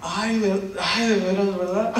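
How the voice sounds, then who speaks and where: A middle-aged pastor preaches in a high, lively voice, slipping into quick impressions of church members. The sound is roomy, as in a church hall, with the mic some way off. Faint room noise sits underneath. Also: male voice. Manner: animated, acts out quoted church members in changing voices. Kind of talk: sermon. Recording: echoey hall, mic at a distance.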